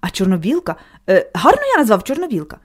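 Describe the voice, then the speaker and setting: A woman's voice: medium pitch, very animated, fast talker, breathy edge. A woman voicing a cheerful, enterprising schoolboy who sells things at a market stall. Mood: persuasive.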